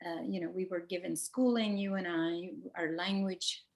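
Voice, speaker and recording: This middle-aged interviewer from Turkey, whose first language is one of the country's minority languages, speaks with a Turkish accent. She runs a conversational Q&A, thinking aloud as she asks questions, in a fairly low, steady, slightly mellow voice at normal speed.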